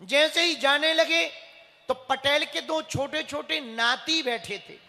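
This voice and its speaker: A male religious storyteller tells a comic tale in a lively way and acts out its characters. His voice is very high and bright. It comes through a PA in a hall with long reverb. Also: takes it slowly, creaky.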